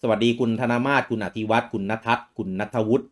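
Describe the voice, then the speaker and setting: A man's voice: medium pitch, steady tone, quick pace. A Thai man hosting a casual livestream, reading out viewer names and stumbling over the hard ones. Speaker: livestream host.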